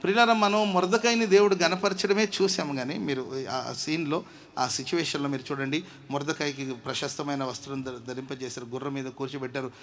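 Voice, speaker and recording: A male pastor preaching a sermon, swinging from hushed asides to loud exhortation and calling the congregation to shout hallelujah. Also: a little high, fairly even intonation, fairly quick. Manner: calls on the congregation to say amen and hallelujah. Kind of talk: Telugu sermon. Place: church service with congregation.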